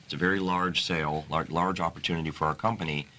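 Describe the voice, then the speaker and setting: A man with a notably low voice and a bright, forceful edge. He talks as an interview guest in an earnest, halting way, often restarting his sentences. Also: steady tone, a little hiss or hum. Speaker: guest author. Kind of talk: interview talk.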